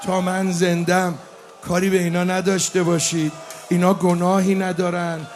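A man's voice: high-pitched, level tone, a little mellow, faint music behind, natural voice. A man voicing a wounded, noble male warrior who calls out a plea to spare his family. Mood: pleading. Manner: calling out a plea.

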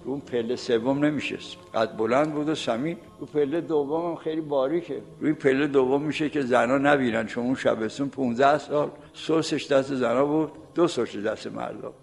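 Gravelly elderly preacher in a reverberant hall. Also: male voice, medium pitch, faint music behind. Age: late 70s. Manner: recites Arabic sayings slowly, then explains them in plain speech; reminiscing, folksy storytelling. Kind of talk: sermon.

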